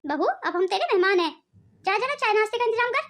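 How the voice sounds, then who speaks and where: Meddling aunt voiced by a woman: mocking, gossipy, quick. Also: very high-pitched, lively intonation, a bit bright, exaggerated voice. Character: meddling middle-aged aunt, spiteful.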